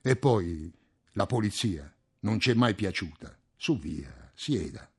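A man reading an audiobook, voicing a calm, patient man with a gently ironic manner. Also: lowish voice, slow, slightly rough, full character voice.

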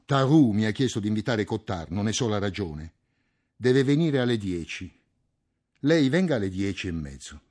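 A man reading an audiobook, voicing a serious, measured male doctor. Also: lowish voice, very animated, a little mellow.

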